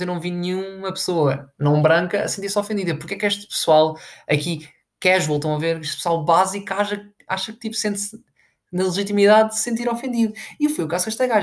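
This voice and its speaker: A young woman with a European Portuguese accent rants to her followers in a loose, profane monologue. Her voice sits low for a woman, and she is sarcastic and keeps wandering off her point. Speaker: content creator. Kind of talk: casual commentary rant.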